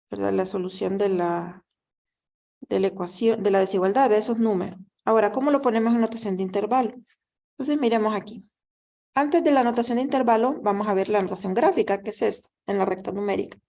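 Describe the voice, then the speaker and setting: A woman's voice: medium pitch, creaky, a little mellow. A woman teaching a math class in a patient, step-by-step way, often checking in with the students. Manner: patient, explanatory, often asks "¿verdad?". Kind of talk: recorded class lecture.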